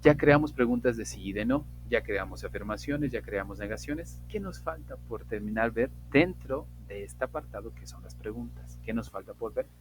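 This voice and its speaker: A man's voice: medium pitch, expressive, a little hiss or hum, poor audio. Man teaching an online English class. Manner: slow, emphatic modeling of English example sentences.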